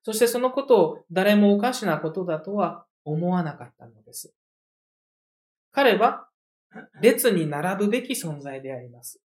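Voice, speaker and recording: A preacher delivering a measured sermon, explaining a passage with occasional conversational asides. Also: medium pitch, expressive, darkish tone.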